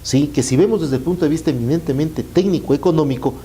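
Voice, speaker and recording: A man's voice: on the high side, fast talker, mellow, slight background noise. A man with an Ecuadorian accent, a politician giving an interview and listing his points emphatically.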